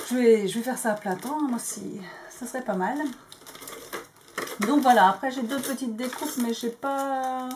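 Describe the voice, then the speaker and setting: A woman's voice: on the high side, a little hiss or hum. Hesitant French woman showing craft dies. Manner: hesitant, many fillers. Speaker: crafting vlogger. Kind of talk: casual show-and-tell.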